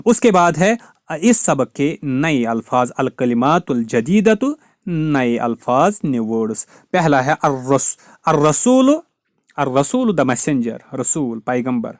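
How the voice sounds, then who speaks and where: A man's voice: medium pitch, sing-song, takes it slowly, no echo, clean studio sound. A man teaching a recorded language lesson, carefully explaining each word and repeating it with its meaning. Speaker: Arabic teacher.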